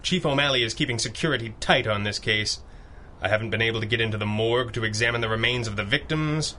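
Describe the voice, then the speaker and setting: An actor playing a composed, commanding masked crimefighter in a 1930s radio drama, measured, formal and dryly wry. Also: male voice, mid-range voice, sharp tone, lightly acted. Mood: grave, businesslike.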